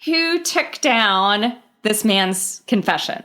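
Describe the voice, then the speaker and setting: A woman's voice: mid-range voice, animated, slow pace, sharp tone. A woman co-hosting a podcast, casual chat with a wry, skeptical manner. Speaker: podcast co-host.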